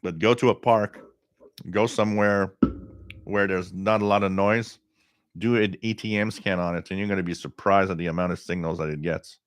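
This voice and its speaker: A middle-aged man hosting a casual live stream, talking in a halting way with frequent pauses as he reads out viewer comments. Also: sits low, fairly even intonation, clean tone, dry recording, studio quality. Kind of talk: casual live stream chat about radio.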